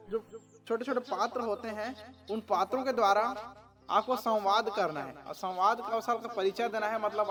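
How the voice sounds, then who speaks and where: A male teacher explaining a school assignment to students, often asking questions and answering them himself, with frequent checks like "okay?". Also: high-pitched. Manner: keeps checking with tag questions; asks and answers his own questions.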